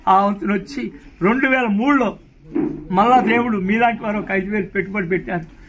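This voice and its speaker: A man's voice: high voice, brisk, noisy background. A middle-aged man, a pastor earnestly telling his life story in an interview. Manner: earnest storytelling, acting out prayers and God's words. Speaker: pastor giving his testimony. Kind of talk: spoken testimony in an interview.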